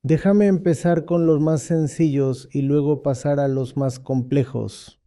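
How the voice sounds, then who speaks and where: A man with a high, mellow voice delivers a dubbed spiritual lecture. He talks slowly and deliberately, repeating his key points and pausing to check that the listener understands, recorded dry and close. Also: fairly even intonation, no room sound. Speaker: spiritual teacher.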